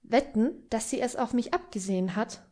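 A woman voicing a weary, jaded young gentleman in an audiobook reading, in a bored, resigned tone. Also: a little high, animated, moderate pace, close to an everyday voice. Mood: wistful.

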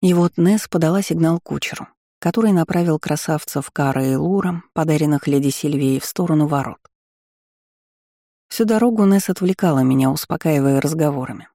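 A man narrating an audiobook in a calm, even reading voice. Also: on the high side, fairly quick, no echo, studio quality. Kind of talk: scripted narration.

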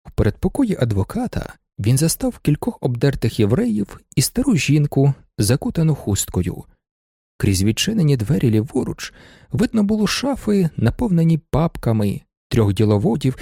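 A man's voice: mid-range voice, gravelly, dark tone, husky, no room sound, clean studio sound. A man narrating a novel as an audiobook, telling the story expressively. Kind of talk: scripted narration.

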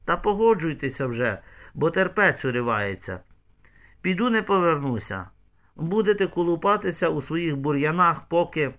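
A man's voice: a little high, animated, moderate pace, fairly bright tone, pitched above the performer's own voice. A man voicing a shrewd, pushy village woman trader in an audiobook. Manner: persuasive, pushy.

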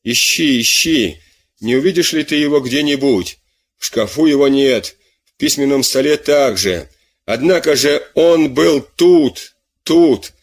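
Frantic guilt-ridden old farmer read by a man, husky and agitated. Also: medium pitch, expressive, unhurried.

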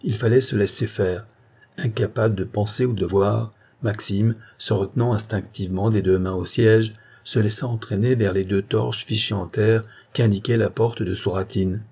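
A man narrating a classic novel in a measured, literary reading style. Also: on the low side, steady tone, creaky, mellow, breathy edge. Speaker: audiobook narrator. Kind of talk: scripted narration.

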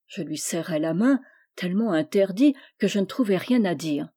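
A woman narrating a classic short story in a measured, expressive literary reading. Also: on the low side, breathy edge.

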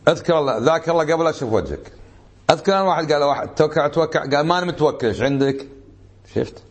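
With a Kuwaiti Arabic accent, a sheikh delivers a religious lesson as lively storytelling, acting out the people he quotes. His voice sits in the mid range.

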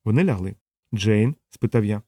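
A man reading a first-person novel aloud in a measured, steady voice. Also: medium pitch, no echo, studio quality. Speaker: audiobook narrator. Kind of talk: first-person audiobook narration.

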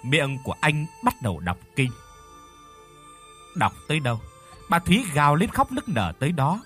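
A man's voice: on the high side, huge pitch swings, moderate pace, sharp tone, soft background music. A man narrating a horror audiobook expressively, voicing the characters as he reads. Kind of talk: dramatic horror story narration.

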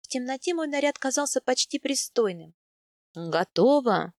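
A woman reading a first-person novel aloud in an even, intimate storytelling manner. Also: fairly high pitch, normal speed, no echo, studio quality. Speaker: audiobook narrator. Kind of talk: first-person scripted narration.

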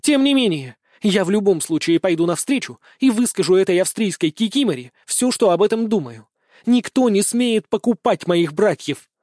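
Casting: a man doing a high, sharp-tongued rebellious young noble daughter, audiobook, dry booth sound. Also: very animated, a little fast, hardly any pauses, dry recording. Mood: indignant. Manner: sharp, sarcastic outbursts. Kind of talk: audiobook character voice.

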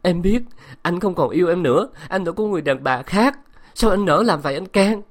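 A man voicing a distraught young wife who speaks in a high, strained, tearful way. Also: animated, moderate pace, close to an everyday voice. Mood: sobbing.

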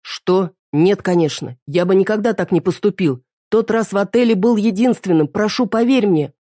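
A woman's voice: mid-range voice, normal speed, dark tone, dry recording, clean studio sound, voice pushed up, lightly acted. A woman reading the lines of a harried father who pleads with his wife and daughter. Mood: pleading. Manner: pleading, defensive.

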